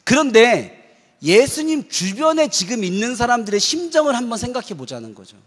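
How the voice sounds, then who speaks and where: A male pastor preaching a sermon, lively, acting out loud cries and quoted prayers to the congregation. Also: very high voice, a little fast. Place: church sanctuary. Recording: long hall reverb of a church.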